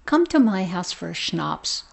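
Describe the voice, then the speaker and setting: A woman playing a calm, wise, kindly man. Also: lowish voice, a little slow, creaky, slight background noise, exaggerated voice.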